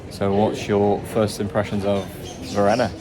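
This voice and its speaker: A man's voice: fairly low pitch, monotone, moderate pace. A young man hosting a casual travel vlog, chatting with his companion as they walk. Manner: chatty, asks companion questions. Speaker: travel vlogger host. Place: outdoors in a lakeside village. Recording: outdoor street noise.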